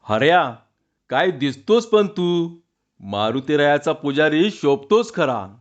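Jokey young man teasing his pal, put on by a male reader, a touch high, dull lo-fi. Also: sing-song, takes it slowly. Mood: joking. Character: young male narrator-self, amused and jokey.

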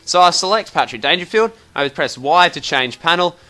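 A young Australian man talks through a sports game's menus in a loose, rambling way, full of fillers and restarts. His voice sits a little high and sounds bright and forward. He comes across as mildly exasperated with the menu. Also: expressive, moderate pace. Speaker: gaming video host. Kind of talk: casual game tutorial commentary.

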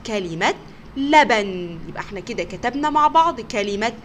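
A woman with an Egyptian Arabic accent teaching kindergarteners, sounding out words slowly and praising them often. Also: on the high side, big pitch swings, slight background noise. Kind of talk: recorded online lesson for young children.

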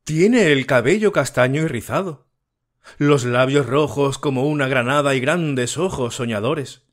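A man's voice: mid-range voice, a little slow, close to an everyday voice. A man as a sorrowful, generous prince statue. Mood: sorrowful gentle. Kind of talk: audiobook character reading.

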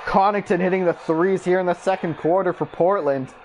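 Male gaming creator with a high voice, casting as a play-by-play sportscaster, brisk clipped calls, excitable on big moments. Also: slight background noise. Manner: excitable, voice jumps up on big plays. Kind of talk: mock play-by-play basketball commentary.

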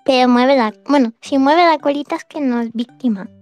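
A woman's voice: sits high, moderate pace, a little mellow, no room sound, soft background music. A woman streamer chatting casually with her listeners, rambling and giggling often between phrases. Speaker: streamer hosting a live audio chat.

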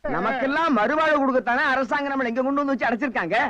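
A man's voice: extremely high pitch, very fast, pushed and bright, no echo. An actor playing a beggar in a film comedy scene who squabbles with a man and consoles his companions. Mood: squabbling. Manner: pleading and squabbling.

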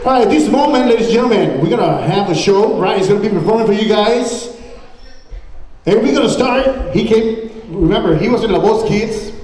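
High-voiced male emcee booming through loudspeakers. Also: expressive, brisk. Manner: hypes the crowd, calls for noise. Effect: amplified through loudspeakers. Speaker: event emcee. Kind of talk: announcing at a live concert. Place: large indoor venue with a crowd. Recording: echoey hall, distant from the mic. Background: crowd noise.

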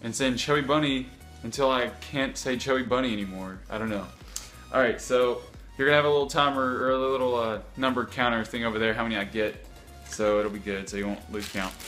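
A man's voice: mid-range voice, fairly even intonation, a little fast, fairly bright tone, faint music behind. A young man chatting casually to camera as a vlogger, rambling with unsure asides. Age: young adult. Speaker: YouTube vlogger. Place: home kitchen.

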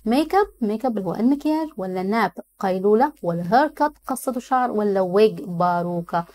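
A woman with an Egyptian Arabic accent, an English teacher going through exam answers. She reads the English options out slowly, then explains them in Arabic. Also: mid-range voice, animated, darkish tone.

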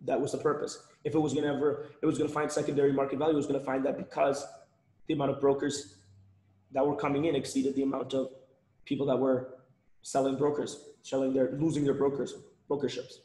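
A man's voice: medium pitch, level tone, fast, dark tone. A man talks loosely through a webinar, circling back on himself with restarts and repeated words. His voice is wearing out and sounds a little strained. The sound is roomy and echoey. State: losing his voice. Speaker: webinar presenter. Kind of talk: casual live webinar talk.

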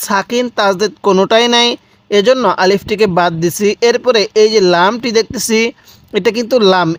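High-voiced man teaching letter-by-letter reading. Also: no echo. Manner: spells out letters and syllables slowly, repeating each for the learner. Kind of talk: slow spelled-out recitation lesson.

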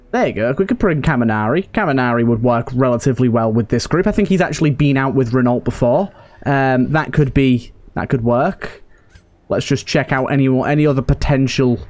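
A slightly high, slightly mellow male voice. He hosts a gaming video, giving casual let's-play commentary, thinking out loud and repeating himself.

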